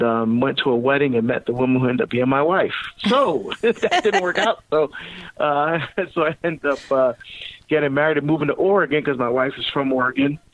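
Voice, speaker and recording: A man's voice: medium pitch, no room sound. Middle-aged male deacon from Barbados, casual guest, easy chuckles, tinny phone line. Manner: relaxed, chuckling often, many fillers. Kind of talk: casual interview talk.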